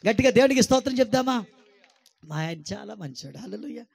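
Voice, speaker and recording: A man preaching a lively sermon to his congregation, exhorting them with repeated rhetorical questions and calls for praise, and teasing his listeners with jokes. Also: high-pitched, quick pace, creaky, breathy edge. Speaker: pastor.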